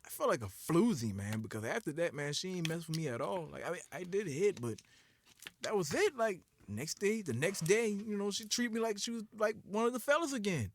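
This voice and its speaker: A man in his thirties telling a story on a podcast, lively and laughing, with a close dry mic sound. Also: high voice, fairly quick. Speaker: podcast co-host. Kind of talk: casual storytelling chat.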